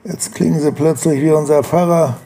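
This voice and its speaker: A man playing a gravelly, brooding suspect. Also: fairly high pitch, steady tone, moderate pace, mellow, natural voice. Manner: terse, evasive, muttering. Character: brooding male criminal under interrogation, evasive, plagued by headaches.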